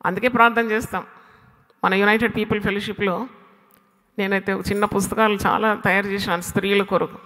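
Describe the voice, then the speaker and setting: A woman preacher delivering an animated sermon, firing rhetorical questions at her listeners and slipping English phrases into her talk. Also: medium pitch, a little fast, long reverb tail.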